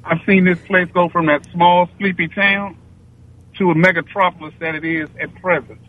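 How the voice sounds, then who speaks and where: A man's voice: high voice, steady tone, moderate pace, a little hiss or hum. A man in his sixties from Washington, D.C., calling in to a radio talk show on an echoey speakerphone line, blunt and emphatic. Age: 60s. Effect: echoey speakerphone over a phone line. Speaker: caller. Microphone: phone on speakerphone. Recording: echoey dull speakerphone call.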